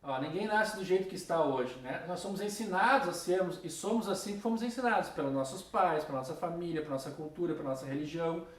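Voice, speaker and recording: Talking fast with few pauses, a man with a fairly high voice teaches a relaxed philosophy class straight to his students. The lecture was recorded from a distance and sounds roomy.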